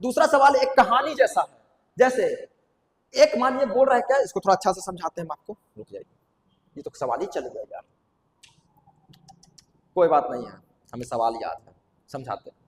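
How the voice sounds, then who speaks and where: A man's voice: high-pitched, expressive, moderate pace, long pauses, a little hiss or hum. A man teaching a classroom math lesson, repeating key terms and quizzing students aloud. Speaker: coaching teacher. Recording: echoey room with long reverb.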